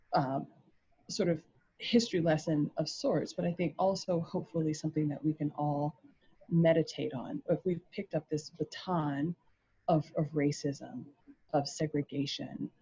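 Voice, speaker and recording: A man on a faculty panel talks in an earnest, measured way, slowing down to stress his points. His voice is dark and a little husky. The audio is dry and somewhat dull, as if from a video call. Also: on the high side, no echo. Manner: measured, earnest, frequent ums, slows for emphasis. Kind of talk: reflective panel talk, history lesson.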